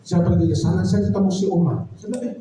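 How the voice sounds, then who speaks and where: A man's voice: high voice, fast talker, warm tone, slight background noise. A male pastor telling a personal story in a sermon, earnest and reflective. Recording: very echoey hall, voice from far off.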